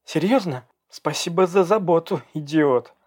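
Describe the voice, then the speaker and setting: A man voicing a furious, defiant young pregnant woman who shouts and pleads in a raised voice. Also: a little high, big pitch swings, normal speed, pitched above the performer's own voice. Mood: shouting.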